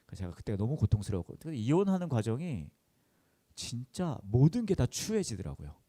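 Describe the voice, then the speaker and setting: A man's voice: mid-range voice, wildly swooping pitch, fairly quick, dark tone. A pastor in his forties giving a sermon, telling a personal story in an earnest, emotional way at a church service.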